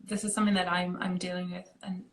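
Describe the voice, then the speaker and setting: A woman's voice: fairly low pitch, level tone, fast talker, rough recording. Chatty Austrian woman hosting a chat. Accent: Austrian German. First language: German. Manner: chatty, heavy with fillers like "like" and "you know". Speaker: host. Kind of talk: casual interview chat.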